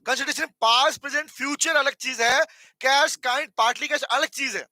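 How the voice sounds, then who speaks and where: A man's voice: very high voice, moderate pace, pushed and bright, dry recording, studio quality. An Indian man teaching an online law lecture, mixing English terms into Hindi, often repeating points and asking his students to reply. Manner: addresses students as beta, asks for replies, repeats points.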